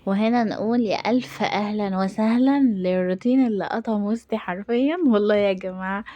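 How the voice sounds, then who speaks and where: A woman's voice: medium pitch, dark tone, dry recording, muffled recording. A young woman with an Egyptian accent chatting casually in a home vlog, exasperated and self-deprecating. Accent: Egyptian Arabic. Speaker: home vlogger.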